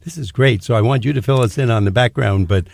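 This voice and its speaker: Gravelly-voiced male radio host. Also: mid-range voice, quick pace, a little mellow, no echo, clean studio sound. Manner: chatty, thinking aloud. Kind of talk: radio interview.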